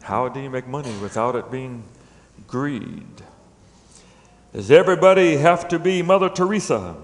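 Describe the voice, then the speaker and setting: A middle-aged man preaching a sermon in a church, swinging between loud emphatic peaks and hushed low lines. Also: moderate pace, big-room sound, slight background noise. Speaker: pastor. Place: church sanctuary.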